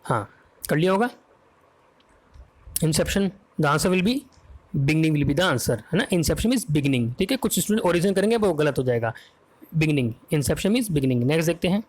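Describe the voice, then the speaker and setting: A man with an Indian accent teaching English vocabulary for an exam, talking fast in a quiz style and often checking that students follow. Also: on the high side, lively intonation. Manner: fast, drills answers with repeated "है ना?" checks.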